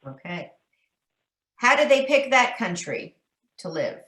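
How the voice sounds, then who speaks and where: A woman's voice: fairly high pitch, big pitch swings, slow pace, a bit bright. Polite woman interviewer in an echoey room. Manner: polite, guiding questions. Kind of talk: oral history interview.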